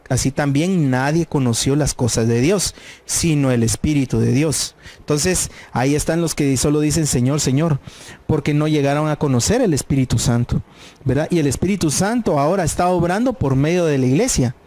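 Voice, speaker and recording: A man with a Guatemalan accent commenting on Scripture in a church Bible study, speaking in a measured way and often checking with his listeners. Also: on the high side, a little mellow. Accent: Guatemalan Spanish. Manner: measured, often tags "¿verdad?".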